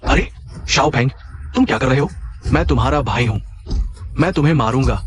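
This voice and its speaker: A man's voice: medium pitch, brisk, a crowd in the background, natural voice. A man dubbing a scheming village headman in a drama, speaking in an indignant, blustering way. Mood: angry. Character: scheming male village headman, quick to anger. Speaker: dubbing actor. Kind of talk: dubbed drama acting.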